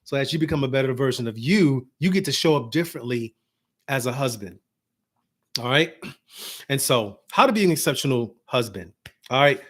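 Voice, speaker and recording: A man giving casual, motivational marriage advice, acting out bits of dialogue and dropping to a calm, soft tone for examples. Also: mid-range voice, moderate pace, pauses often. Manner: animated, acts out dialogue, drops to calm soft tones for examples.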